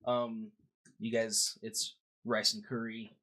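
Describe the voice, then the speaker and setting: A young man narrating as game master of a tabletop game, relaxed and rambling, with many fillers. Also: on the low side, slow pace, rough recording.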